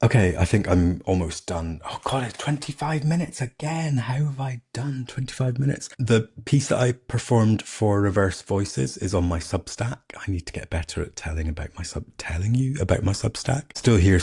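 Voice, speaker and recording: Gravelly deep-voiced man, candid solo podcast. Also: warm tone. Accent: faded Scottish. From Scotland. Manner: candid, self-mocking, chatty. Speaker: podcast host. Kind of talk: casual solo podcast chat.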